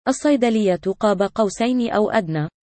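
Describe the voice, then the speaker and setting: A woman's voice: mid-range voice, animated, fast, darkish tone, dry recording. A woman narrating a language lesson with scripted example sentences for learners.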